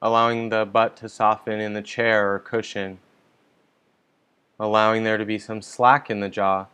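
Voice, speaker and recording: A man leading a guided meditation online, giving calm, gentle, unhurried instructions. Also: lowish voice, clean tone. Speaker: meditation teacher. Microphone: online stream mic.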